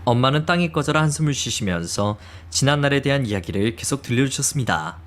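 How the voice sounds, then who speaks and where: A man giving calm scripted first-person narration for a radio story. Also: medium pitch, quick pace.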